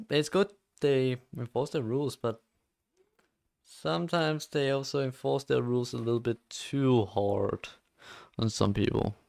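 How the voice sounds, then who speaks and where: Slow-talking gravelly eighteen-year-old man. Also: medium pitch, a little mellow. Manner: rambling, heavy use of "like" fillers and frequent swearing. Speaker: live streamer. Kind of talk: casual chat while coding on stream.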